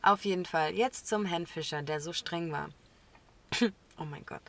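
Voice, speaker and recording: A woman co-hosting a podcast, telling an animated story in casual chat, laughing often and acting out what people said. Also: on the low side, a little slow. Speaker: podcast co-host.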